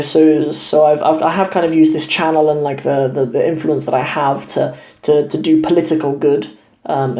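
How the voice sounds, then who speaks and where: Young male channel host, halting casual Q&A delivery, warm tone, lapel mic in a reverberant room. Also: a little high. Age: 20s. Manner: hesitant, many fillers and restarts. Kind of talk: casual Q&A talk to camera. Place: his home in Cornwall.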